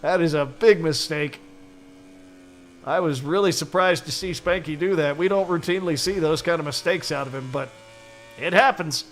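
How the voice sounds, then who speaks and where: A man calling a sim racing event as play-by-play commentator, excitable and quick to exclaim. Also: on the high side, a little hiss or hum.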